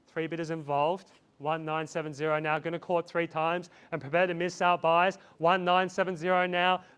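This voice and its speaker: A man's voice: on the high side, level tone, normal speed, fairly bright tone, clean tone. A man calling a live property auction outdoors, repeating bid figures in a chant and urging buyers on. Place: outdoors in a residential street.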